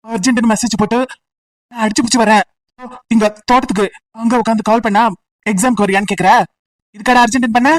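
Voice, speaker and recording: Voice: medium pitch, steady tone, fast, distant mic, natural voice. A voice actor doing a cursing, fed-up young guy. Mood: exasperated. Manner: shouting insults, exasperated. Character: angry young male student, blunt and cursing. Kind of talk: comic voice acting.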